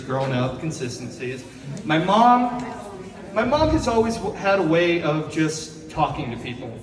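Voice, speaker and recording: Young man, stand-up comedian, self-deprecating storytelling, distant roomy recording, audience laughter. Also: sits high. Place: coffee shop stage. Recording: echoey coffee shop from far off.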